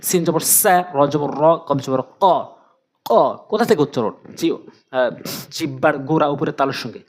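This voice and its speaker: Guy teaching quran reading, slightly high voice, repeats every syllable over and over. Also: lively intonation. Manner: slow, repetitive drilling, repeating each syllable. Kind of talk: spelling drills of Arabic letters.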